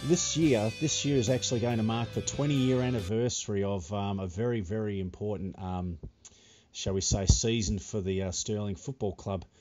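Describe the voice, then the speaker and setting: A man's voice: lowish voice, steady tone, normal speed, darkish tone, faint music behind. An Australian man hosting a casual sports podcast in a blokey, matey way. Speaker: podcast host.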